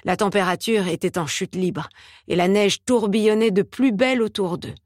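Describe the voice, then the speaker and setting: A woman narrating an audiobook in a measured, steady reading style. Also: medium pitch, no room sound, studio quality.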